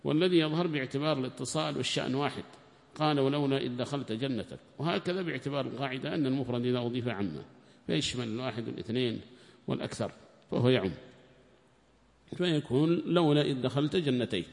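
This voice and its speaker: A man teaching a lecture on scripture commentary. He reads the text aloud loudly, explains it more quietly, and quizzes his students. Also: medium pitch, quick pace, creaky. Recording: long reverberant hall.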